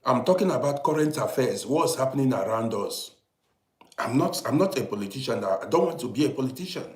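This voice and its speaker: Chatting on his laid-back livestream, this Africa-born host based in Europe welcomes viewers by name and tends to say things more than once. He speaks briskly in a mid-range voice with lively intonation, and the sound is roomy.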